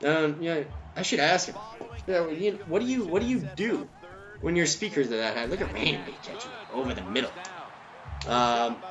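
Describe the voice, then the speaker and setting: A man's voice: on the high side, expressive, moderate pace, lo-fi sound, a crowd in the background. A man giving casual, rambling commentary over a video game, full of ums and side tangents, recorded at home. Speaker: gameplay commentator. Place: at home, neighbor's music nearby.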